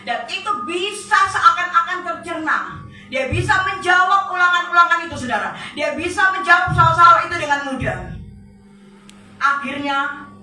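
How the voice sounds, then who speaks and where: A woman preacher with a very high-pitched, sharp voice tells a story in her sermon at normal speed, often turning to address her congregation directly as brothers and sisters. The recording has an echoey hall, a distant mic, and faint music.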